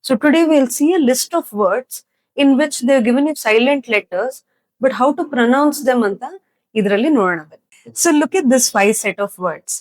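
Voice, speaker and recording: A young woman teaching spoken English with a Kannada-accented Indian English, explaining slowly and repeating word lists for practice. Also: high-pitched, lively intonation, a little mellow, rough recording. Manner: slow, deliberate explaining, repeating words for practice.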